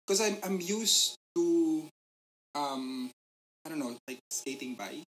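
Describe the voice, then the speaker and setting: A woman's voice: low-pitched, expressive, slow pace, fairly bright tone, poor audio. A woman with a Filipino accent chatting casually and hesitantly, repeating words and mixing in Tagalog. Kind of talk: casual chat.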